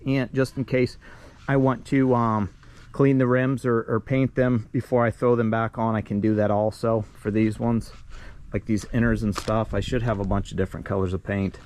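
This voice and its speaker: A man's voice: fairly low pitch, a little mellow. A man casually narrating his own work on his trucks, rambling and laid-back with lots of fillers, recorded outdoors beside a truck. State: a little out of breath at times. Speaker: vlogger working on his trucks. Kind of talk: casual self-filmed narration.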